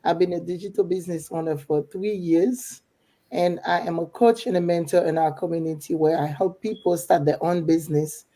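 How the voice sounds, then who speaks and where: A middle-aged Haitian business coach and mentor with a Haitian accent chats casually and encouragingly in a motivational talk. Her warm voice sits on the low side, with fairly even intonation at a normal speed.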